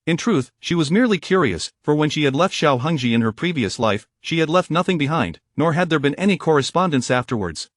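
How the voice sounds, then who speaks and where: A man narrating a story in a steady, even way. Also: a little high, brisk, hardly any pauses, no room sound, clean studio sound.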